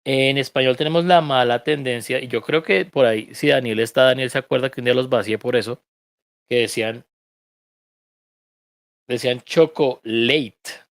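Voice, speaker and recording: A man's voice: medium pitch, steady tone, moderate pace, creaky, pauses often, no room sound. A man with a Colombian accent teaching an online English reading class, explaining pronunciation patiently with joking asides.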